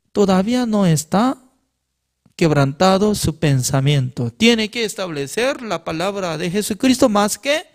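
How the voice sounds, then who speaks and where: Bible class teacher, male, high and very animated pitch, unhurried delivery, reads a verse then explains it piece by piece. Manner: asks the listeners questions and answers them himself; reads scripture aloud, then explains it phrase by phrase.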